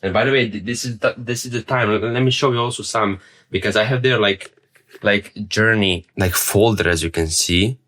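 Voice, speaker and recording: On the low side and a bit bright, his voice moves at normal speed. He is a young adult Serbian man whose first language is Serbian, recounting a personal story to camera as a vlogger, rambling, repeating himself and swearing offhandedly.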